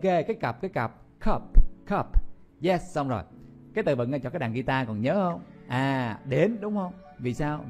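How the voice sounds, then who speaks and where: A man's voice: fairly high pitch, darkish tone. A man teaching vocabulary in a playful, exclaiming way, often repeating each word. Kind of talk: memory-palace vocabulary lesson.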